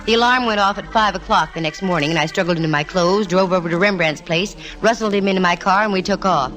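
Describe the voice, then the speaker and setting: An actress plays a breezy, wry female private eye who narrates her case in slangy 1940s radio-detective style, sounding brisk. Her voice sits on the low side and is fast, close to how she'd normally talk. It's an old radio recording with music and poor audio quality.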